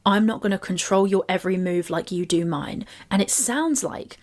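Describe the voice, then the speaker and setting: A woman commenting on a couple's text messages, reading quotes aloud and analysing them in a measured, analytical way. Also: medium pitch. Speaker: commentary channel co-host.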